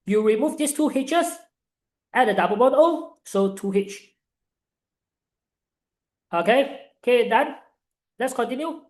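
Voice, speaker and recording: A young man with a Malaysian accent tutoring online in informal, Singlish-like English full of local particles, animated and encouraging. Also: extremely high pitch, unhurried, long pauses, roomy sound. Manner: animated, encouraging, peppering talk with "right" and "ah". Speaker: chemistry tutor.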